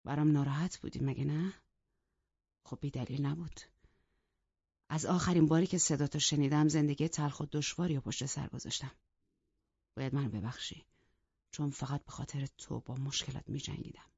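A woman voicing a brooding, cold young man who speaks quietly and evenly, in a dull, lo-fi recording. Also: fairly even intonation, vocal fry, husky, no room sound, heavily acted. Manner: quiet, low, measured. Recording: dull lo-fi, dry.

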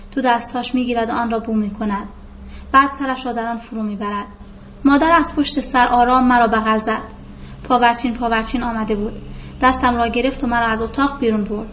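A woman reading a literary novel aloud in a calm, measured storytelling voice, on a dull lo-fi recording with faint hiss. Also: a little high. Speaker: narrator. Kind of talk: literary audiobook narration.

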